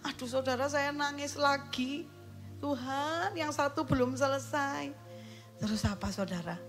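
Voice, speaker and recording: A woman's voice: high-pitched, measured pace. A woman pastor, telling her testimony in an emotional, storytelling sermon to a congregation at a church. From East Java, Indonesia. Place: church at a night worship service. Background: soft worship music.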